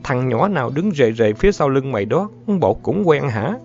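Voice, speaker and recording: A man's voice: medium pitch, sing-song, darkish tone, voice pushed up. A man voicing a brash, streetwise older girl in a storybook reading, firing off coarse questions. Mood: blunt. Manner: coarse, rapid-fire questions. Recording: dull lo-fi with faint music.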